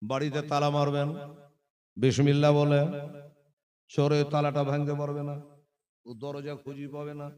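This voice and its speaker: High-voiced preacher half-singing. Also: male voice, monotone, normal speed, long pauses, darkish tone. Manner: half-sung melodic preaching, addresses the women listeners directly. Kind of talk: chanted Islamic sermon.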